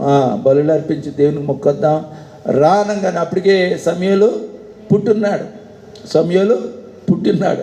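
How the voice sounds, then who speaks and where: A male pastor preaching a sermon, animated and full of rhetorical questions to the congregation. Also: fairly high pitch, a little hiss or hum. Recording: echoey hall with faint ambience.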